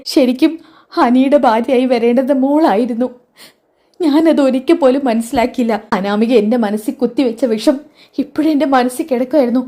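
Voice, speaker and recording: A grieving mother, weeping and pleading, full of remorse, as a woman narrator voices her. Her voice rises high when it breaks and turns emotional. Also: mellow, lightly acted.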